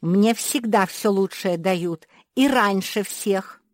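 A woman voicing a spoiled, rich young labrador girl who whines and demands loudly. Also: medium pitch, slow, dry recording, clean studio sound, pitched above the performer's own voice, close to an everyday voice. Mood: bossy. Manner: whiny, demanding, loud.

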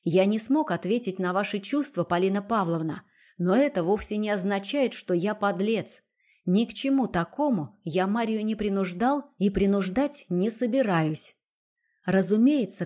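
A woman reading the part of a composed gentleman who speaks softly and coolly. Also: mid-range voice, expressive, close to an everyday voice. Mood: cool calm. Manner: soft, cool and measured.

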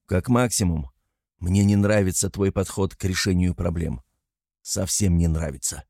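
A man's voice: deep voice, normal speed, warm tone, slight background noise. A man voicing a volatile, domineering man who speaks sternly to his partner in a storybook reading. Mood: angry. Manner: stern, growling.

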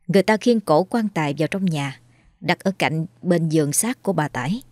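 A woman narrating a horror story in a steady, even storytelling voice. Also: low-pitched, fairly quick, no echo. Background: faint music.

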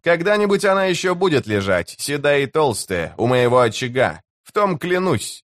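Guy doing a proud young warrior chief, bold and bossy, pitched up high, dry close sound. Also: big pitch swings, normal speed, a bit bright, no room sound. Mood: commanding. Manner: bold, declaiming, commanding.

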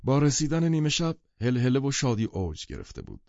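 A male audiobook narrator with a gravelly, creaky voice reads with lively, wide-ranging intonation. The recording is dull and lo-fi, with a dry, close sound and no room echo. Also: medium pitch. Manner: lively, expressive reading. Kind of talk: scripted narration.

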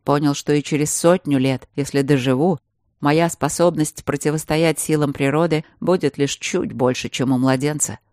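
A woman reading an audiobook, voicing a calm, teasing male mage who lectures patiently. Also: low voice, normal speed, no room sound, studio quality, natural voice. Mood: quiet teasing. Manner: patient, gently mocking, lecturing.

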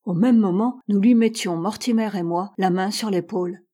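A woman reading a classic mystery story aloud as narrator, in a measured storytelling manner. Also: medium pitch, mellow. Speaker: audiobook reader. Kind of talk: literary narration.

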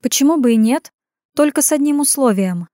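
Here a woman reads out the lines of a bashful yet prickly young woman in an audiobook. Her voice sits a little higher and louder than the plain narration and keeps a teasing, sulky edge. The recording is dry and close. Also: expressive, brisk, no echo. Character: young woman, shy but proud and sharp-tongued.

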